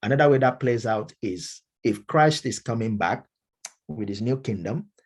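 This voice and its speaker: Husky-voiced Nigerian man lecturing. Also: mid-range voice, expressive. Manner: measured, with frequent fillers and restarts. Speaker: Baptist minister and speaker. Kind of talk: academic lecture.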